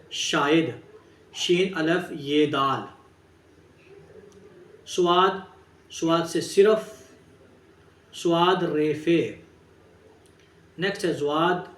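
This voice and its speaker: A man teaching a Braille lesson, spelling out each word letter by letter and talking straight to his students. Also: fairly high pitch. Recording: echoey room, distant mic.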